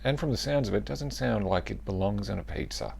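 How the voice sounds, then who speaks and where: A man's voice: fairly low pitch, fairly quick, gravelly, a little mellow, a little hiss or hum. A man with an Australian accent giving casual, joking commentary on movie clips as a YouTuber, with incredulous asides.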